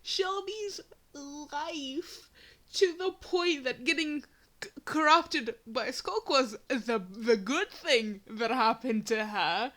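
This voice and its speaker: A woman's voice: high voice, slow, fairly bright tone. A woman ranting in a fan vlog, exasperated and swearing, with many fillers and a cracking voice. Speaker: fan commentator.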